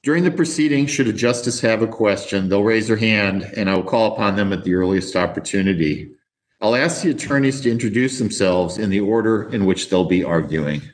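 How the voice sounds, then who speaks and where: A man's voice: on the low side, expressive, a little fast. A man giving formal procedural remarks as presiding judge. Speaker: presiding chief justice.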